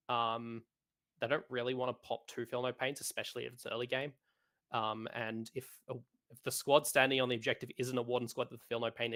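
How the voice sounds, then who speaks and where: An Australian man as a guest on a casual gaming podcast over a call, talking in a measured, hedging way. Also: mid-range voice, fairly bright tone. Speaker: podcast guest, tournament player.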